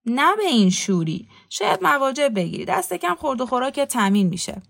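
A woman's voice: high-pitched, very animated, vocal fry, fairly bright tone, no room sound, clean studio sound, pitched above the performer's own voice, full character voice. A teasing lanky young man , as a woman reads him. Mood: matter-of-fact. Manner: teasing, blunt questions. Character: cheeky, mocking young man, lanky and curious. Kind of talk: storybook reading.

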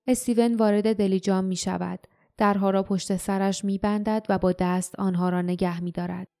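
A woman reading an audiobook aloud in calm, measured narration. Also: mid-range voice, no room sound, studio quality.

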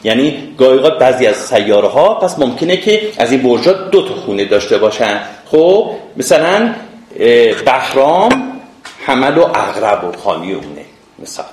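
A man's voice: medium pitch, sing-song, slight background noise. A man teaching a classroom lecture, patiently explaining and chanting lines of verse, often urging his students to pay attention. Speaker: literature teacher. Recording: roomy classroom echo.

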